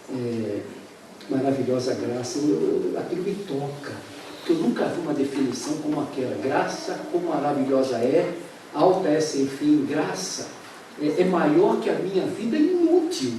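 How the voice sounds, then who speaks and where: Dramatic Brazilian pastor in an echoing church. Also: male voice, mid-range voice, slight background noise. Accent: Brazilian Portuguese. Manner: dramatic, sweeping swings between loud and hushed. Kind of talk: sermon with storytelling. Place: church sanctuary. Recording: very echoey church hall, mic far off.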